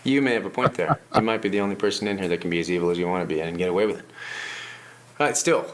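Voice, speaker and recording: A man's voice: low-pitched, rapid-fire. A man acting in a satirical comedy sketch, talking in a mock-earnest, sarcastic way and sometimes breaking into laughter.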